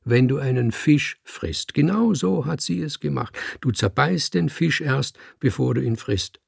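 Playful young tomcat, man reader: husky, dry, gently teasing. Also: medium pitch, animated, a little slow, no echo, full character voice. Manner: spinning playful questions.

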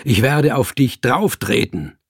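A man voicing a fat, drunken house owner who shouts curses in anger. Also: fairly high pitch, moderate pace, no echo, studio quality, voice pushed up, lightly acted. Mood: raging. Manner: angry shouting, cursing.

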